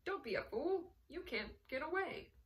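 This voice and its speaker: A woman reading the lines of an indifferent nightclub owner who speaks in a calm, clipped way. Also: sits high, moderate pace, pitched above the performer's own voice. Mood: cool.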